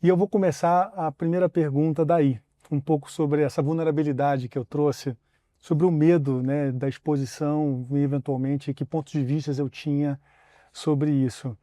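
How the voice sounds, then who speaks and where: A man from Brazil hosts a podcast interview, asking long, reflective questions and giving short affirmations. His voice sits a bit high but sounds very mellow and dark. The recording is dry and close. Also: fairly even intonation, normal speed, dry recording. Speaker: podcast host. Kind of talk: interview conversation.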